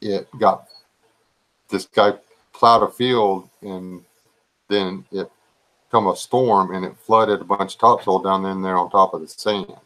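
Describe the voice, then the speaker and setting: Chatting loosely with his live stream audience, this drawling man wanders between anecdotes. His delivery is slow, low-key and even, pitched fairly low, and it strikes listeners as soothing or dull depending on taste.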